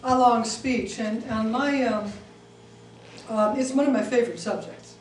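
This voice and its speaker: A middle-aged woman raised in Switzerland gives a talk and fields audience questions, with lots of ums and restarts. Her voice is on the high side and darkish, with a steady tone and a measured pace. The room is echoey, the mic is far away, and there's faint noise.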